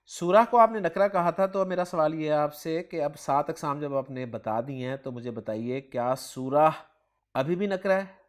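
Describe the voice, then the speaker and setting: Slightly high-voiced male grammar teacher. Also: lively intonation. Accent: Pakistani Urdu. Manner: quizzing, praising answers with frequent affirmations. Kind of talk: question-and-answer grammar lesson.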